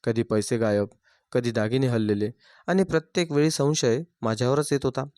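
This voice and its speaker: A man voicing a young bride wrongly accused of theft, speaking quietly and firmly in a dry recording. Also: medium pitch, normal speed, dry recording, close to an everyday voice. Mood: firm calm. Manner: quiet, firm, composed.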